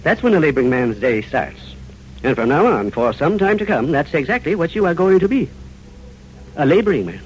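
A man's voice: on the high side, very animated, a little fast, low-quality recording. A crusty old grandfather in a 1950s radio drama, stern and wily. His commanding voice swings up and down over faint broadcast noise. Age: older. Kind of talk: 1950s radio serial acting.

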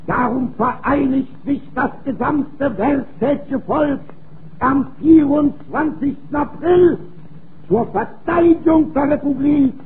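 Tinny, high-pitched man declaiming a 1930s speech. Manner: emphatic, declamatory, deliberate phrasing. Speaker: political campaign speaker. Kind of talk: 1930s political campaign speech. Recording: tinny, noisy early 1930s recording.

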